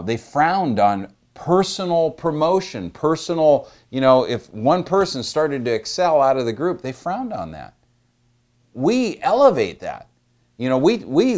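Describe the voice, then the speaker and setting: A man's voice: fairly high pitch, a little mellow. A man teaching about the Bible in a loose, conversational way, with frequent "you know" asides and restarted phrases.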